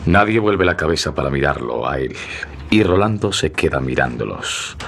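Solemn storyteller, dramatic narration, deep, faint noise behind. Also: male voice, big pitch swings, normal speed, creaky, exaggerated voice. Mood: solemn, tender. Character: solemn, emotive male storyteller of a romantic melodrama.

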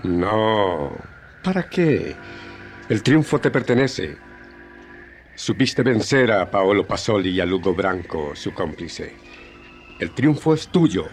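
Calm noble adventure hero, low n slow, solemn old radio drama style. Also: male voice, faint music behind, heavily acted. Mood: resigned, firm. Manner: solemn, measured, declamatory. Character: noble, serene, fearless adult male adventure hero.

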